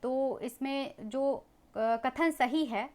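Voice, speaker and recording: A woman teaching a history lesson, briskly working through exam questions and talking to viewers as friends. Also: high-pitched, darkish tone. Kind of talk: exam MCQ walkthrough lesson.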